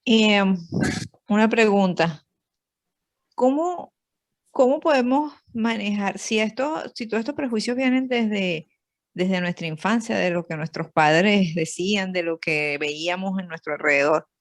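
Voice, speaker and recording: A woman's voice: mid-range voice, measured pace. A woman with a Venezuelan accent taking part in an online reading club and asking a question hesitantly, with many fillers. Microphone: video call.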